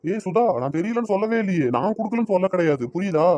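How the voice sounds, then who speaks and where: A man voicing a fast-arguing cartoon father. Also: high-pitched, expressive, a little mellow, slight background noise. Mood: heated. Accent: Tirunelveli Tamil. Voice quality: scolding, argumentative. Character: stubborn middle-aged father defending his daughter. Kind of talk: cartoon voice acting.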